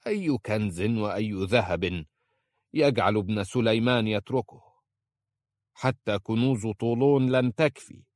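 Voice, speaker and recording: A stern elderly sheikh, voiced by a male narrator, low and curt. The reading is dry and close, with little room sound. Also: measured pace, a little mellow, no echo, natural voice.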